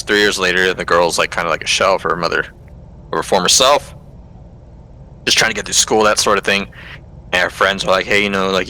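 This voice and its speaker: A man's voice: low-pitched, bright, forceful tone, rough recording. A man co-hosting a casual podcast, retelling a movie plot in a rambling, filler-heavy way. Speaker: podcast co-host. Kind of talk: casual movie recap chat.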